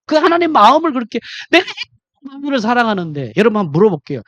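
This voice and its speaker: Male pastor, animated sermon voice, dry close sound, shifts from emphatic to hushed. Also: quick pace, no echo, dull audio. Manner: animated, quizzes the congregation directly; swings from loud emphatic to low confiding tones.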